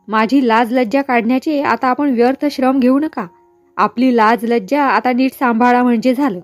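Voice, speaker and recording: Woman doing sneery jealous guy, mocking everybody, pretty high pitched. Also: no echo, natural voice. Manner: taunting, mocking. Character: sneering jealous man who pesters a woman.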